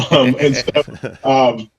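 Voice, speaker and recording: A man's voice: medium pitch, steady tone, drawn-out words, husky. A man talking as an interview guest, telling business anecdotes in a loose, filler-heavy way. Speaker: entrepreneur guest. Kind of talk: casual interview storytelling. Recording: dull lo-fi audio.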